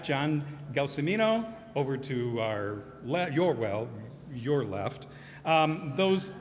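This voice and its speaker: A man with a somewhat high, fairly bright voice delivers curtain-call thanks to cast and crew, halting and rambling with frequent fillers and self-corrections. He hosts and performs in a community radio theater group, speaking before an audience in a live hall that's reverberant, with faint background noise.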